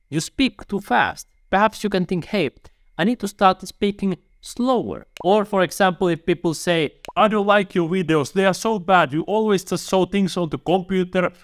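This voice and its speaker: Recorded in studio quality without any echo, this man's voice sits high as he speaks with a Finnish accent. In his advice video, the YouTube coach earnestly walks the viewer through each step, addressing them as "my friend."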